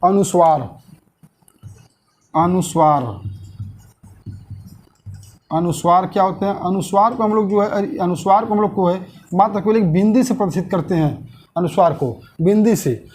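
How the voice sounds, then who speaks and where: Guy teaching grammar online, high-ish voice, keeps going "what do we call this?" then says it himself, repeats every term. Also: a little mellow, breathy edge. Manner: asks questions and answers them himself; repeats key terms slowly. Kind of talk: online classroom lesson.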